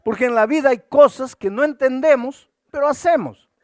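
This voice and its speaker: A man's voice: very high voice, normal speed, a little mellow, no echo, studio quality. A man preaching a sermon as pastor, telling a story and acting out the dialogue with big swings in voice.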